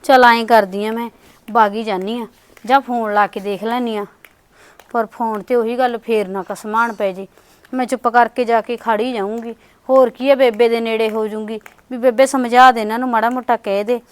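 A woman's voice: a little high, fairly even intonation, moderate pace, natural voice. A woman playing an anxious young married sister who hesitantly thinks aloud in a family short drama. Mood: pondering. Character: anxious young married sister wanting to visit her brother. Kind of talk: family short-video acting.

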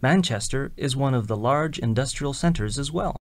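A man's voice: medium pitch, lively intonation, moderate pace, no room sound. A man reading scripted lines and instructions for a listening exercise, enunciating carefully and spelling out names. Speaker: exam recording reader.

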